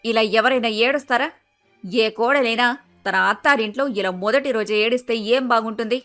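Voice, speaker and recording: A woman's voice: a little high, fairly quick, a bit bright, faint music behind, lightly acted. A woman voicing a bossy older mother-in-law in a cartoon story, scolding and domineering.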